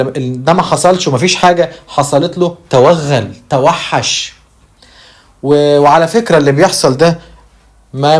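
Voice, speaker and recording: A man with an Egyptian Arabic accent giving commentary on current events. His voice sits a little high for a man. He drags out key words for emphasis. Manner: emphatic, slows for stress. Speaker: channel host. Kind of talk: commentary on news quotes.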